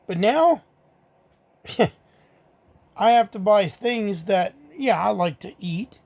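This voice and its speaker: A man's voice: high voice, slow pace, creaky, darkish tone. A middle-aged man, giving a blunt, angry political rant to the camera, repeating his own rhetorical asides. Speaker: vlogger.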